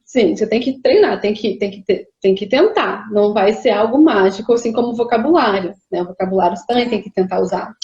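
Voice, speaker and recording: A woman's voice: mid-range voice, a little fast, hardly any pauses, a little mellow, roomy sound, dull audio. A woman from Rio de Janeiro, explaining language patiently with frequent hesitations as an interview guest. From Rio de Janeiro, Brazil. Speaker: linguist guest. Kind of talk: explanatory conversation.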